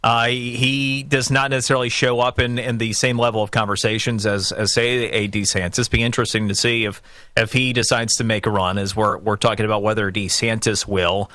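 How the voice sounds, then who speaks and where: A dry, close studio recording of an American man hosting a call-in radio show. His voice is bright and forceful, and he comments on politics emphatically, doubling back on phrases for stress. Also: fairly low pitch, flat delivery, a little fast, no echo. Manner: emphatic, repeats phrases for stress, stop-and-start. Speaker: talk radio host. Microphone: close studio broadcast mic.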